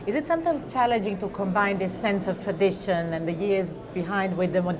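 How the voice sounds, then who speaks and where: A woman's voice: medium pitch, fairly quick. Woman interviewer, polite direct questions, busy crowd chatter behind.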